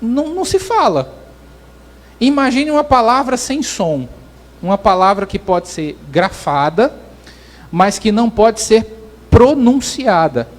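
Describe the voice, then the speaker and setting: A man preaches a sermon, explaining points step by step and often restarting mid-phrase. His voice sits high for a man. He talks slowly and deliberately. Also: big pitch swings. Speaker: pastor.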